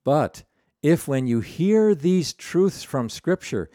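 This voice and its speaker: A man preaching a sermon in a slow, solemn way, pausing for emphasis. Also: fairly high pitch, big pitch swings, warm tone, no room sound, clean studio sound.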